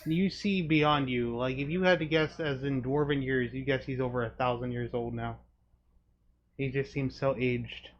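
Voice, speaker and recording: A man's voice: mid-range voice, steady tone, moderate pace. Male game master on dull audio. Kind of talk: narrating a tabletop game. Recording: dull sound with faint noise.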